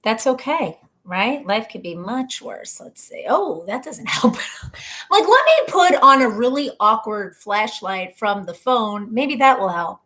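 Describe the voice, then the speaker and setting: A woman's voice: a little high, very animated, measured pace, fairly bright tone. A woman chatting casually on a livestream from her home computer, greeting viewers by name and poking fun at herself. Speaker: livestream host. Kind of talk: casual live-stream chat. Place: at home, indoors. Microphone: computer webcam mic.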